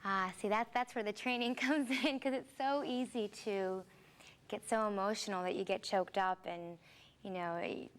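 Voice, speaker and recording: A woman's voice: mid-range voice, steady tone, moderate pace. A young woman, a musical theater actress, answering interview questions in a friendly, chatty way, with many fillers and restarts. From Philippines, raised in Seattle. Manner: friendly, chatty, with frequent fillers and repeated starts.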